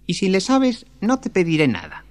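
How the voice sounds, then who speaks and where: A man's voice: high voice, wildly swooping pitch, dry recording, voice pushed up. A man voicing a sly little dwarf in a folktale, drawn out and coaxing. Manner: slow, coaxing, then gleeful.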